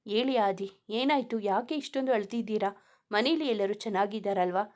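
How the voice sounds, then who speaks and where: A woman's voice: mid-range voice, a little fast, darkish tone, close to an everyday voice. A woman voicing a caring young man who reassures his friend in a soothing way. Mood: concerned.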